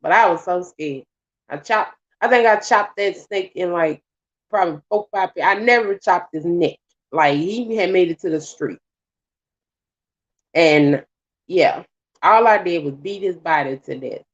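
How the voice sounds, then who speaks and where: A woman's voice: on the low side, measured pace, muffled recording. A woman casually telling a story while cooking at home, repeating phrases and acting out the voices of people in it. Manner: animated, acts out voices in her retelling; colloquial, repetitive phrasing. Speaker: vlogger. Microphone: home recording while cooking.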